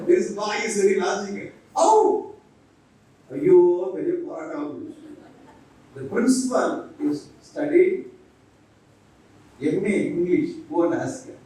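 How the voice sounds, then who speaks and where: High-voiced monk lecturing in an echoey hall. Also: male voice, huge pitch swings, extremely slow, pauses often, dark tone, distant mic. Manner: jokes and acts out little dialogues, switching between English and Tamil. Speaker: monk giving a talk to teachers. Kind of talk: humorous lecture.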